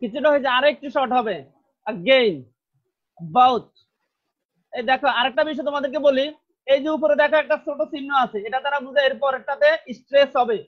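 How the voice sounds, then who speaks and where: A man's voice: very high-pitched, steady tone, lo-fi sound. A man with a Bangladeshi accent teaching a classroom pronunciation lesson, repeating each word several times. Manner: slow, repeats words many times, drills sounds. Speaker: English teacher.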